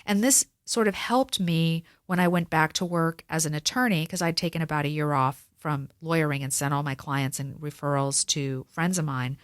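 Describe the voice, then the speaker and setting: A woman's voice: sits low, moderate pace, few pauses, no room sound, studio quality. A woman podcast host, once a lawyer, talking in an encouraging, affirming way with her guest. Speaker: podcast host, former attorney. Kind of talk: casual conversational interview.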